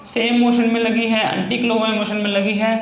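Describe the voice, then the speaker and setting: High-pitched man teaching in an echoey room. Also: flat delivery, a little fast, highs cut off. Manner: explains step by step, repeats words and says "ठीक है" often. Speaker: shorthand teacher. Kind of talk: recorded classroom lesson. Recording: echoey room with faint background noise.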